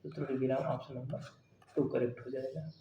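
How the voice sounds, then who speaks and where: A man's voice: medium pitch, level tone, a little fast, mellow. Man teaching in an echoey room. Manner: explains step by step, asks questions then answers them. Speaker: Hindi grammar teacher. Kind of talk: exam-prep lesson. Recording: dull, roomy sound.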